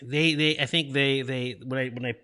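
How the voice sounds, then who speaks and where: A man hosting an interview, talking casually with many fillers and halting restarts. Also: mid-range voice, fairly even intonation, sharp tone, dry recording. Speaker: podcast host.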